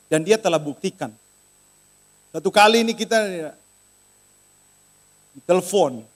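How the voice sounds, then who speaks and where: A middle-aged man preaching a sermon in a church, telling a story and acting out the voices in it. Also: a little high. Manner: animated, acts out voices in quoted dialogue. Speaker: pastor.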